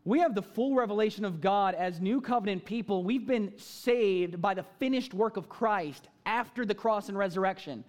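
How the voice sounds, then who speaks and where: A man's voice: sits high, moderate pace, hardly any pauses. A man preaching a sermon, explaining terms plainly and acting out quoted voices as he builds in intensity. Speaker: pastor. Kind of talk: sermon teaching.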